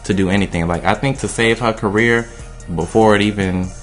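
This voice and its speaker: Deep-voiced man ranting on air. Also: fairly quick, faint music behind. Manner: emphatic, opinionated, rambling run-on talk. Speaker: radio show co-host. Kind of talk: casual opinion chat.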